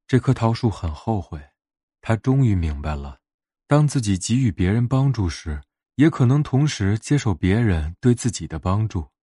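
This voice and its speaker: A man's voice: on the low side, sing-song, moderate pace, warm tone, slightly rough, no echo, studio quality. A man narrating a scripted bedtime fable for adults as a storyteller.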